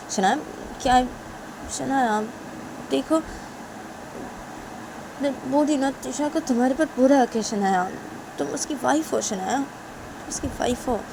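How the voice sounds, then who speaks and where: A woman's voice: sits high, a little slow, long pauses, background noise. A woman voicing a stern mother figure who coaxes and scolds, repeating the girl's name again and again. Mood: coaxing. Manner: repeats the name, coaxing and firm.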